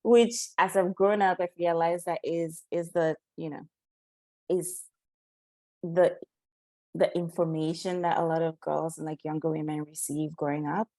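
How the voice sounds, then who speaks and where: A young woman from Cameroon, a guest on a podcast, speaking in a thoughtful, measured way. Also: low voice, fairly even intonation, mellow, no echo. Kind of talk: conversational interview.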